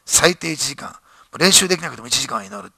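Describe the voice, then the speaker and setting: A man's voice: mid-range voice, animated, fairly quick, gravelly, pushed and bright. A male pastor giving a sermon, reading scripture aloud and building to fervent, emphatic preaching in a church.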